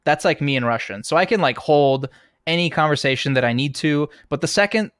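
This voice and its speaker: A young American game composer, appearing as a podcast guest, chats casually in an interview, laughing often and full of fillers and restarts. His voice sits on the high side, brisk, a bit bright and smooth, with lively intonation. It's studio quality with no room sound.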